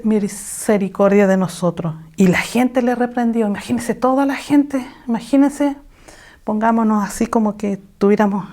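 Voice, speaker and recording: Woman teaching a warm Bible lesson. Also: a little high. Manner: exhortative, asks the listeners rhetorical questions. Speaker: women's Bible study teacher. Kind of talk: online women's Bible lesson. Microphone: video call.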